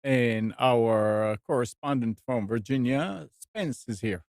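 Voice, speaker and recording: A man's voice: medium pitch, takes it slowly, darkish tone, no room sound, studio quality. A man hosting a radio show, making announcements and introducing people. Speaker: host of a computer radio show.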